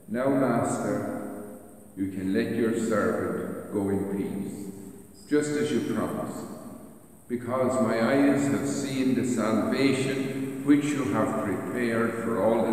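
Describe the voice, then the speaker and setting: A man reads scripture at Mass in a slow, solemn, deliberate cadence, his lowish voice carrying through a long cathedral echo. He sounds set back from the microphone, the large church hall ringing after every phrase. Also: darkish tone. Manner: slow, measured, solemn reading. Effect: cathedral echo, long church reverb. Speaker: lector reading at Mass. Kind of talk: liturgical scripture reading. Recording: echoey church hall from far off.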